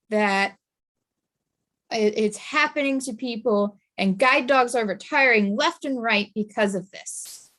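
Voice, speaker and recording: A woman's voice: on the high side, a bit bright. A young woman who uses a guide dog, giving an informal talk and repeating her warnings emphatically.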